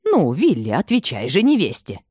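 A woman voicing an imperious, domineering aristocratic mother who scolds in a shrill, commanding tone. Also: wildly swooping pitch, normal speed, mellow, breathy edge, no echo, clean studio sound, full character voice. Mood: stern.

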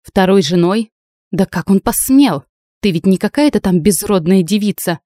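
A reader doing a noble mother, agitated, indignant, warm timbre, dry audiobook sound. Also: medium pitch, expressive, dry recording, close to an everyday voice. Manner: agitated, quick to outrage.

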